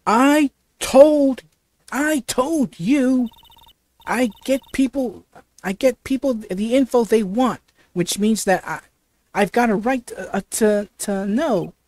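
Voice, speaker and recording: A woman's voice: on the low side, expressive, moderate pace, few pauses. A woman doing a brash southern photographer lady. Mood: pushy. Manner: pushy, hollering.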